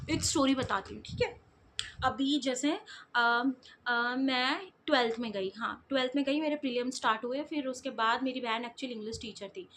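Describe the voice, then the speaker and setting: High-voiced, giggly young woman vlogger. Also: a bit bright, slight background noise. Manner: chatty, giggly storyteller. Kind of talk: casual storytelling to viewers.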